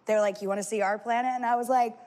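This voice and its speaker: Woman rambling through a story, lots of like and restarts, kinda high voice. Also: steady tone, background noise. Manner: halting, full of "like" and restarts. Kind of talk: casual storytelling.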